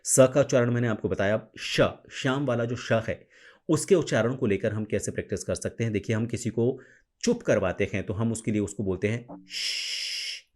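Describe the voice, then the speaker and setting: A man giving a pronunciation lesson, speaking slowly and carefully and showing each sound himself. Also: fairly low pitch, dark tone. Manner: slow, careful, demonstrates sounds. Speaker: teacher of pronunciation. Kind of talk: spoken tutorial to camera.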